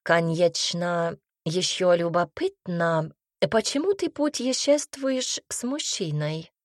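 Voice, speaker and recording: A woman's voice: on the low side, slow pace, dry recording, studio quality. A woman voicing a pushy, emphatic middle-aged duchess in an audiobook, drawing out her words. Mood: probing. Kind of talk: audiobook character reading.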